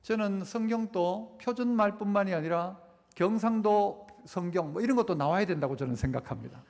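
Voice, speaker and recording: A pastor preaching a sermon, repeating points and putting rhetorical questions to the congregation. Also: male voice, high-pitched, moderate pace, gravelly, a little mellow. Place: church sanctuary. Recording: echoey church sanctuary.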